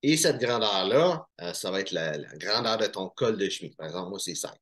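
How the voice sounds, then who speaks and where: A menswear YouTuber from Quebec, Canada, speaking with a Québécois French accent, gives his viewers casual tips on buying shirts straight to camera. His low voice is a bit bright and a little fast, with lively intonation. He talks informally, full of fillers and restarts.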